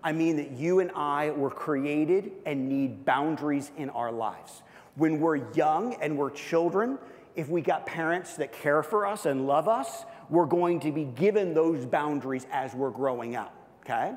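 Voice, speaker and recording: A pastor delivering a sermon with emphatic conviction, his voice sitting a little high for a man. He drives each point home and tags it with "okay?". A long hall reverb trails behind his words. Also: measured pace. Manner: emphatic preaching, with a repeated "okay?" after points.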